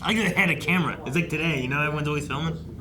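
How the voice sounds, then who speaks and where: An excitable reaction video host chatting casually, swearing and joking while commenting on a show. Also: mid-range voice, racing, over a noisy crowd.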